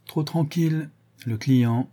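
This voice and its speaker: Brief: old veteran police inspector, tense and wary, read by a man, husky, urgent. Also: a little high, slow, dark tone, pitched above the performer's own voice. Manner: urgent clipped orders.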